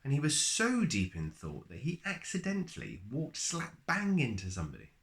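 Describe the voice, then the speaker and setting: Medium in pitch and gravelly, a man's voice carries an expressive reading of a children's picture book. He pauses dramatically and draws words out the way a storyteller would.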